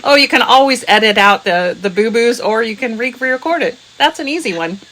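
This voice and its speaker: A woman's voice: fairly high pitch, animated, fairly quick, fairly bright tone, a little hiss or hum, low-quality recording. A woman hosting a crafting show in a casual chat with friends. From US West Coast.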